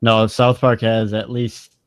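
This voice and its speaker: A man's voice: lowish voice, little pitch movement, takes it slowly, smooth, dry recording, clean studio sound. A man co-hosting a casual web show, chatting loosely and joking around. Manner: joking, quotes others in put-on voices. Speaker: co-host. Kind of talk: casual chat.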